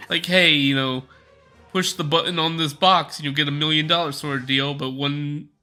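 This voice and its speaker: A man with a very bright, fairly high voice who talks in eager bursts. He stammers and repeats himself while streaming a game, over faint background music. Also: moderate pace, smooth. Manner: excitable, stammers and repeats words. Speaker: streamer playing a game live. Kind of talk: casual chat.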